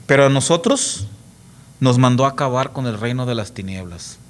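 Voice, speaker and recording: A middle-aged man preaching a sermon, emphatic and full of rhetorical questions to the congregation, telling stories with lively quoted voices. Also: mid-range voice, normal speed. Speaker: pastor. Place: church.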